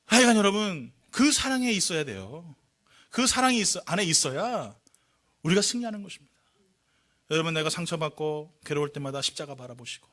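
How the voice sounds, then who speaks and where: Animated high-voiced male pastor preaching. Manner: animated preaching, rising to loud exhortations, coaxing the congregation. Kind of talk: sermon. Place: church sanctuary.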